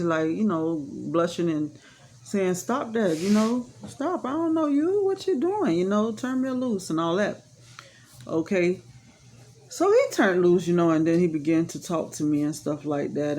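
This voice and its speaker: A woman's voice: deep voice, darkish tone, a little hiss or hum. A woman telling a personal story in a casual, rambling way, frank and matter-of-fact, with many fillers. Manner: rambling, full of "you know" fillers; frank and matter-of-fact about hard events.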